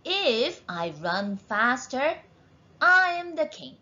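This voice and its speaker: Proud horse from a kids story, lady reading it, bright, very slow. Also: sits high, big pitch swings, dull audio, exaggerated voice. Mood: challenging.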